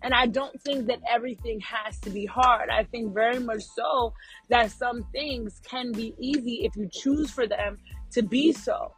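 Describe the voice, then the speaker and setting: A woman's voice: on the high side, a little slow, soft background music, rough recording. An American woman chatting casually to her viewers from inside a car, earnest and encouraging, with slangy phrasing. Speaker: vlogger.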